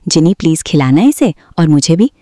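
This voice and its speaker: A woman's voice: deep voice, sing-song, normal speed, dark tone, no echo, clean studio sound. A woman voicing a teasing, playful young man in a storybook.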